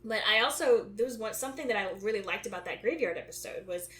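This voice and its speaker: A woman's voice: on the high side, expressive, fast, a bit bright, echoey room. A woman co-hosting a podcast in casual chat, thinking aloud with frequent restarts. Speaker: podcast co-host.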